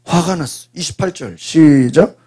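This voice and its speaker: A man preaching a sermon as pastor, prompting the congregation with quick questions and answering them himself. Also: fairly high pitch, mellow, slightly rough. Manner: call-and-response preaching, frequent prompting asides.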